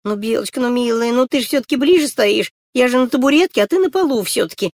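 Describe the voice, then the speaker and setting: A woman voicing a bossy, quick-witted little girl who gives orders in a high childlike voice. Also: expressive, darkish tone, no room sound, studio quality. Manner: bossy, coaxing, fast childlike talk.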